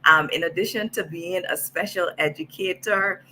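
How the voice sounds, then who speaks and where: A woman's voice: lowish voice, normal speed, bright, forceful tone, slight background noise, low-quality recording. A woman from Barbados, a special education teacher, speaking unhurriedly with fillers on a video call.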